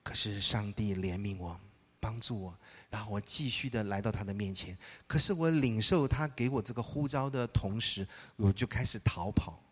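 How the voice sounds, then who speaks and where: A middle-aged male pastor preaching a sermon, telling personal stories in a lively way, acting out dialogue and often laughing. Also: on the low side, moderate pace, breathy edge.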